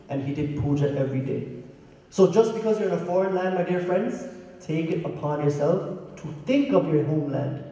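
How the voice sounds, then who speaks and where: A man's voice: fairly high pitch, warm tone. A man from Guyana preaching a sermon to a congregation, asking them questions and chanting Sanskrit verses. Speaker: pandit preaching. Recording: echoey hall, heard from far off.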